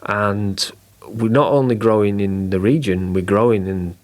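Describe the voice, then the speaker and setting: A middle-aged man with a Yorkshire accent, chatting excitedly as a guest in an interview. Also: fairly low pitch, unhurried. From England. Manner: excitable, bursts of emphasis, chatty and informal. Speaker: marketing director, podcast guest. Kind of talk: enthusiastic interview chat.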